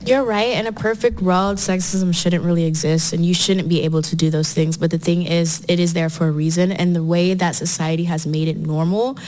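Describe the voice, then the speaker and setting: A woman's voice: on the low side, fairly even intonation, darkish tone, a little hiss or hum. Insistent young-sounding woman in a heated podcast debate. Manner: insistent, halting, restarts mid-word. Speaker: podcast guest.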